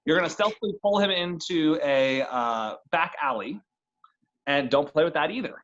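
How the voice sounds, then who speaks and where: A man runs a tabletop game as its narrator, his voice sitting a little high. He talks casually and restarts his phrases as he goes. The recording sounds dull and lo-fi. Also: expressive, normal speed, fairly bright tone. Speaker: dungeon master.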